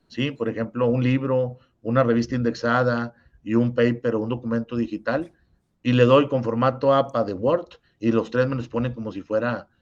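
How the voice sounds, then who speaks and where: A man's voice: mid-range voice, darkish tone, lo-fi sound. A man with a Mexican accent teaching a review lesson over a video call, explaining step by step and often checking in with his listener. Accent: Mexican Spanish.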